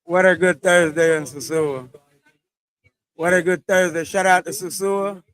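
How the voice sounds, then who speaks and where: High-pitched man hosting a casual live stream. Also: fairly even intonation, measured pace, a bit bright, dry recording. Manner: repeats phrases, switches into Spanish. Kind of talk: casual live chat with shout-outs. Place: outdoors in a beachside parking lot.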